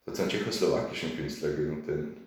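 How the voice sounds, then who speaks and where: Deep-voiced man in an echoey room. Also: racing. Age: 30s. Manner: chatty, filler-heavy, asks for agreement. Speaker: festival organizer. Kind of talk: casual radio interview.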